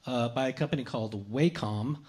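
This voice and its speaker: A man's voice: medium pitch, moderate pace, a little mellow. A man co-hosting a casual tech news chat, explaining gadgets with lots of fillers and restarts.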